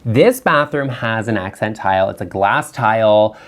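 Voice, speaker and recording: A man's voice: fairly low pitch, normal speed. A man hosting a design video, chatting frankly and with strong opinions about bathrooms he is looking at. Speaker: interior designer and channel host. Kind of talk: casual design commentary.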